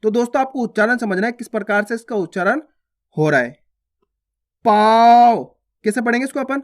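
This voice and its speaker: Online reading teacher, mid-pitched voice, repeats each word twice with stress, checks in with viewers often. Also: expressive, quick pace, fairly bright tone. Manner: drills words aloud, repeating each twice with a question; addresses viewers as friends, checks understanding. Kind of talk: online phonics lesson.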